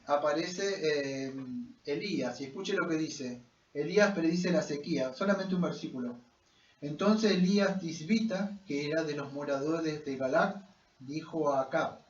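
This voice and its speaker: A man preaching in church, pushing hard on key words and filling pauses with "eh". His voice sits high and lively. The sound is dull and distant, with a roomy echo around it. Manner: preaching with emphatic rises and many fillers. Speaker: pastor. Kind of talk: sermon.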